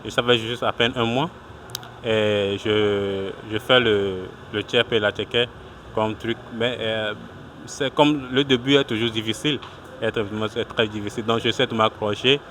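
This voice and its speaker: A man's voice: lowish voice, fairly even intonation, unhurried, fairly bright tone, slight background noise. A man from Togo, a cook who runs a small food business, answering interview questions outdoors in a hesitant way with many restarts. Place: outdoors at a street food stall in a city.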